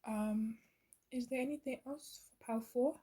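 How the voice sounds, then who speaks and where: A woman's voice: on the high side, moderate pace, mellow, slightly rough. A woman giving a channeled tarot reading to her viewers, earnest and meandering, with many fillers and restarts. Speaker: tarot reader.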